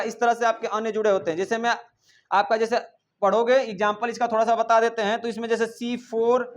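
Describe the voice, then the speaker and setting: Man, very high voice, teacher quizzing his class. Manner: drills students with repeated questions, scolds them. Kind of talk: classroom chemistry lesson.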